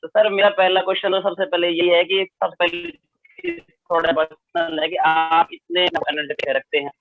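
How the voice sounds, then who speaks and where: A man's voice: high voice, animated, normal speed, no room sound. A man calling in with questions, deferential and hesitant, full of fillers. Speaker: caller asking questions. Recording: tinny dry phone line.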